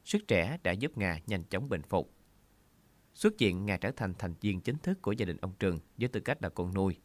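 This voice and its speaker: Low-voiced male storyteller, dry sound. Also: big pitch swings, moderate pace, no echo. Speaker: narrator. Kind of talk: story narration.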